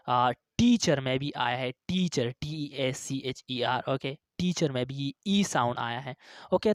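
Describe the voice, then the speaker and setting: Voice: medium pitch, dry recording, clean studio sound. Teacher who repeats "okay" constantly. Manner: tags nearly every phrase with "okay" and slow drawn-out fillers; repeats each example sound and word several times. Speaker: English teacher. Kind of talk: explaining phonetic symbols.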